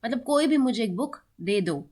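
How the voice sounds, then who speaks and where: Brief: Indian woman teacher, a bit high-pitched, explaining grammar, mixes Hindi with English, says examples slowly. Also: lively intonation, mellow. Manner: mixes Hindi and English, checks in with "ठीक है", slows down to read examples aloud. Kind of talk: explaining grammar in a classroom-style lesson.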